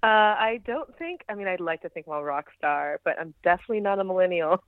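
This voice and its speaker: A woman with a New York City accent speaks in a lowish voice over a thin, phone-like line. She drops her T's and word endings as she chats casually in an interview. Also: lively intonation, fast, no echo. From New York City, Lower East Side of Manhattan. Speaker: podcast guest, farm school director.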